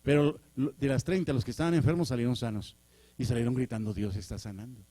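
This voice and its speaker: A man's voice: mid-range voice, quick pace, no echo. A man preaching a sermon, telling a story and acting out the dialogue with animation. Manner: animated, acts out dialogue, chuckles.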